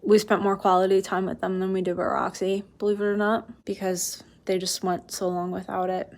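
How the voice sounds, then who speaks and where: A woman's voice: medium pitch, flat delivery, moderate pace, a little mellow. A woman vlogger explaining things in casual chat, rambling and interrupting herself. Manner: rambling, informal, self-interrupting.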